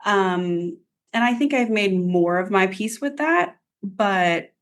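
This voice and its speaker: A woman's voice: mid-range voice, animated, takes it slowly. Reflective woman podcast co-host. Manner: reflective, many ums and you-knows. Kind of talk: casual podcast chat.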